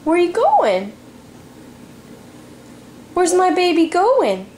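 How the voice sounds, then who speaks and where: A woman's voice: very high voice, wildly swooping pitch, extremely slow, darkish tone, a little hiss or hum. Sing-song woman cooing to a toddler. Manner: playful sing-song coaxing, frequent gasps. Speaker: parent filming her toddler. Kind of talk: home video baby talk.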